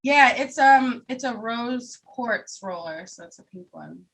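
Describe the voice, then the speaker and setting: A woman's voice: on the high side, expressive, measured pace, fairly bright tone, husky, rough recording. A young woman, chatting casually as an interview guest, laughing often and full of fillers. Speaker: singer and keyboard player, guest.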